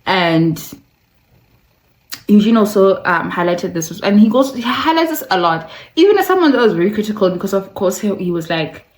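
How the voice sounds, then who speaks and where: This online video host is a woman with a mid-range, very animated voice at normal speed. She presents her video essay conversationally, adding playful asides, repeating words for emphasis, and reading some passages aloud.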